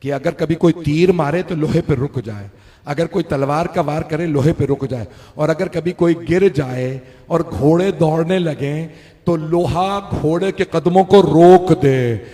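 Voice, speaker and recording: A high-pitched man delivering a mourning sermon in a gathering hall. He narrates quietly and slowly, then his voice climbs into a loud, sung, shouted lament. Long reverb from the hall trails every line. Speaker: Shia majlis speaker. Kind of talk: mourning sermon, rising to wailing chant.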